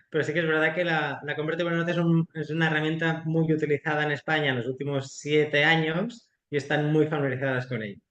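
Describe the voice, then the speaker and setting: A man's voice: on the high side, reverberant, dull audio. A man, an investor explaining startup equity frankly and colloquially on a video call. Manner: frank, colloquial, animated explanations with quoted asides. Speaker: startup investor and guest expert. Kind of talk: explanatory webinar talk.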